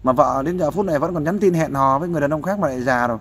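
Racing and husky, with a fairly high pitch, this man is a volunteer counselor interviewing a guest. He gives fatherly, persuasive advice in a casual way and frequently seeks agreement.

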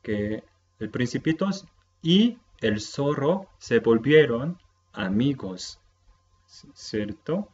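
A man who speaks Korean natively, giving a language lesson and walking slowly and patiently through words, repeating each one and checking that listeners follow. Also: lively intonation, darkish tone. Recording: dull low-fi audio with faint hum.

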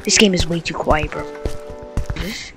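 A man's voice: fairly high pitch, a little slow, music in the background. A young teenage boy giving casual, slangy horror game commentary, muttering into a headset mic in a bedroom. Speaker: gaming video host.

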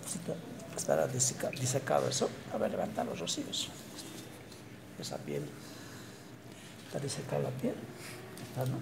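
Gravelly male anatomy lecturer, echoey lab. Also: mid-range voice. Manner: explanatory, keeps checking with "¿no?". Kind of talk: dissection lecture. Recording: echoey room with noise.

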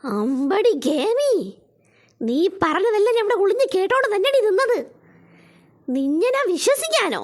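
A woman voicing a menacing male kidnapper in a cartoon, snarling threats with sudden loud jumps. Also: extremely high pitch, sing-song, normal speed, long pauses. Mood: threatening. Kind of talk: cartoon voice acting.

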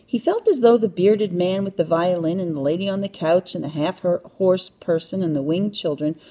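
Husky-voiced woman reading a storybook. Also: fairly low pitch, moderate pace. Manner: calm, even storybook narration. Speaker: children's book reader. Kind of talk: storybook read-aloud.

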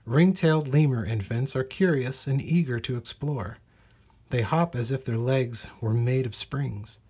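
This is a read-aloud of a nonfiction nature book for children by a male storybook reader. His voice is mid-pitched, darkish, breathy and husky, and he phrases each sentence with deliberate care for young listeners.

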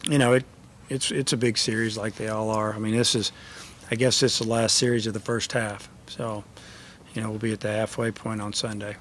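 A middle-aged baseball coach talks to reporters across a press table at a post-game conference. His voice stays flat and even, and he answers plainly with plenty of "you know" and "uh". A faint hiss of room noise sits underneath. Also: on the low side, a little fast. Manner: plain, matter-of-fact answers with many fillers. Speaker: college baseball head coach. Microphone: table microphone.

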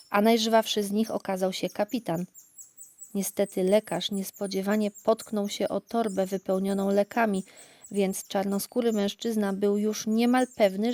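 A woman narrating a children's audiobook in a calm, clear storytelling voice. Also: mid-range voice. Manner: calm, even, clear reading.

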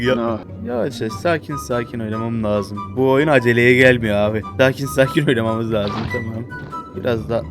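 A young man playing a hard climbing game and commenting in Turkish, swinging between quiet muttering and frantic pleading and cursing at the screen. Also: mid-range voice. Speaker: gaming YouTuber. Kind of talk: let's play commentary. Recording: game music playing under the voice.

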